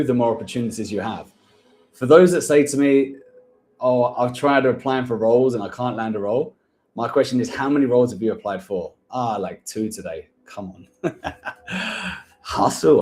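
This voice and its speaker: This man's voice is medium-pitched with a darkish tone. Owner of a recruitment agency, he hosts a live-stream Q&A on getting hired, coaching bluntly and addressing people as "bro."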